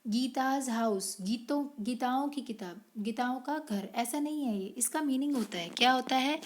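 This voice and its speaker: A woman's voice: sits high, a little hiss or hum. A woman teacher explaining a grammar exercise to children, mixing Hindi and English and answering her own questions. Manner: slow, drawn-out reading of English sentences.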